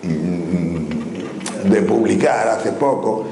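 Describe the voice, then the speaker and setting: An older man from Spain preaching a sermon in a lively, questioning way, speaking to his listeners as brothers. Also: low voice, drawn-out words. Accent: Spanish from Spain. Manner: animated, rhetorical questions, addresses listeners as brothers. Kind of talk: spoken sermon. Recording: echoey room with faint background noise.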